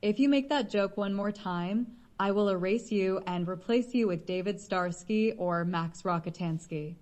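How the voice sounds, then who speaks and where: A woman's voice: mid-range voice, unhurried, darkish tone, natural voice. A woman reading the lines of a cold, demanding businessman, curt and commanding, in an audiobook.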